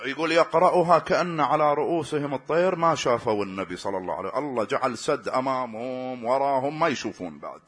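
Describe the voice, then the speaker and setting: A man preaching an impassioned religious sermon, telling stories and swelling into loud, rhythmic cries. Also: medium pitch, expressive, quick pace, few pauses, slightly rough.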